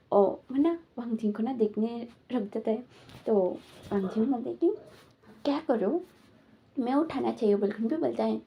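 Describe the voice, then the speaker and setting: A woman's voice: on the high side, mellow. A woman casually retelling a romantic fan fiction, rambling along with many repeated fillers. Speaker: storyteller.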